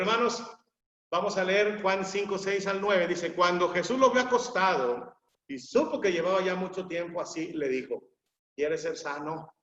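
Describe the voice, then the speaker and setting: A man's voice: on the high side, fairly bright tone. A man preaching a sermon, repeating himself emphatically and calling out to his listeners in a church hall. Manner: repetitive, emphatic, calls the listeners "hermanos". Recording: echoey church hall, dull sound.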